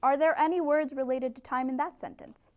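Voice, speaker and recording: A young woman tutoring a small group of adult English learners in a classroom, giving clear, encouraging instructions. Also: sits high, fairly even intonation, a little fast. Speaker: ESL tutor. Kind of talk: teaching a small group lesson.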